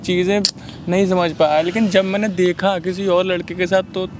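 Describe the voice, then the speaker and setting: A man's voice: high voice, flat delivery, moderate pace, darkish tone, a little hiss or hum. A young man outdoors on a city street, telling his story in an upset, emotional way and often raising his voice. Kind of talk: staged street confrontation.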